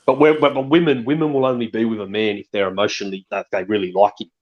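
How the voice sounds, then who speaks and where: An Australian man with a husky voice chatting casually in street slang, saying bro and repeating himself for emphasis. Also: fairly low pitch, fairly even intonation, fast talker. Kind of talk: casual group chat. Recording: dull lo-fi audio.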